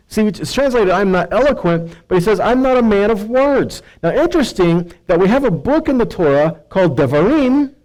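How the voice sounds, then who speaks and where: A high-pitched man with a darkish tone teaches the Bible conversationally in a low-quality recording. In sermon fashion he is emphatic, quotes and paraphrases dialogue, and adds rhetorical asides and check-ins for his listeners.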